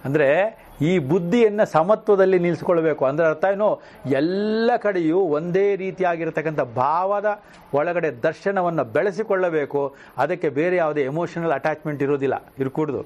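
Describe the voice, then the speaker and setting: A man's voice: on the high side, moderate pace, highs cut off. A man teaching scripture in a spiritual discourse, who keeps putting questions to his listeners. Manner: animated, often asks the listeners questions.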